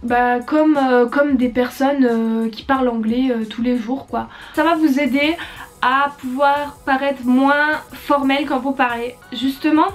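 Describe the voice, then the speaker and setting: A woman's voice: sits high, steady tone, unhurried, faint music behind. A woman in her twenties chatting casually to camera with lots of fillers and hesitations, giving tips on learning English. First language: French. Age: 20s. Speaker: YouTuber. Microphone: compact camera.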